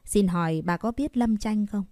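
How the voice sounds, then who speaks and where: Lady reading as a chill polite young woman, gentle voice, no room sound. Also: medium pitch, normal speed, no room sound, studio quality, natural voice. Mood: calm polite. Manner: gentle, composed.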